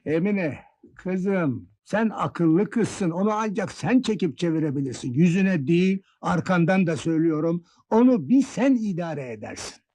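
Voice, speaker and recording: Gruff older father, high-pitched, dry sound, old film. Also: lively intonation, normal speed, darkish tone, no echo. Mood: advising. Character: gruff old father giving his son and daughter-in-law fatherly advice. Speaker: father-in-law. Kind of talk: 1960s Turkish film acting.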